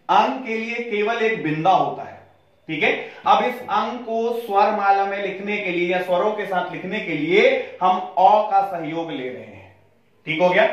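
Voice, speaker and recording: Echoey, distant man teaching a slow lesson. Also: high-pitched. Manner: asks questions and answers them himself; repeats phrases slowly for emphasis. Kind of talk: classroom lesson.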